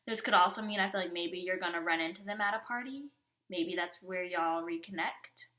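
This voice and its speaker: A woman's voice: lowish voice, a little fast, bright, forceful tone. A young adult woman giving a casual tarot reading, chatty and conversational, often checking in with "you know what I mean.". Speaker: tarot reader.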